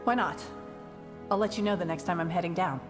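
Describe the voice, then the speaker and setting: An actress voices a friendly young woman soldier in a video game, speaking in a low register. She is awkward and conversational, trailing into self-deprecating asides, with clear music playing behind her. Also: fairly quick, natural voice. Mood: relaxed, candid. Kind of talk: video game dialogue acting.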